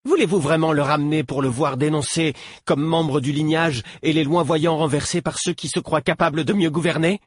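A man voicing a frightened young male archer held prisoner, defiant and accusing, with a shrill, quavering voice. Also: fairly even intonation, fairly quick, husky, dry recording, studio quality. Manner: accusing, pressing questions.

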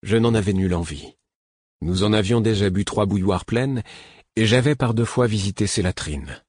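A man narrating an audiobook in a calm, measured way. His voice is low with a husky texture. The recording is close and dry. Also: no room sound.

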